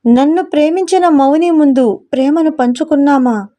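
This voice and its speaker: A woman's voice: high voice, moderate pace, dark tone, lightly acted. A woman voicing a remorseful young man who reproaches himself and explains earnestly in a storybook reading. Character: remorseful young husband, regretful lover.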